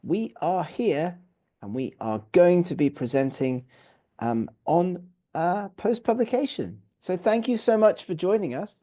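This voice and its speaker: An English man hosting a live webinar through a video call mic. He speaks in an upbeat, welcoming way, with a mellow, warm tone, and keeps calling things fantastic. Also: sits high, expressive, unhurried. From England. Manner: upbeat and welcoming, lots of praise words. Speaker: webinar host.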